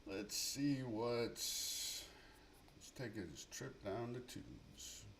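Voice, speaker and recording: A man's voice: medium pitch, extremely slow, vocal fry, fairly bright tone, a little hiss or hum. A man giving profane, mumbling running commentary on his live trading stream. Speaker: livestream day trader.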